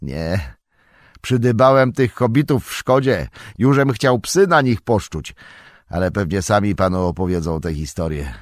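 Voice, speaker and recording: A man voicing a gruff, talkative middle-aged hobbit farmer who speaks loudly and bluntly in a raised voice. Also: lowish voice, lively intonation, unhurried, no echo, studio quality, pitched above the performer's own voice. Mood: homely. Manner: loud, blunt, homely and talkative.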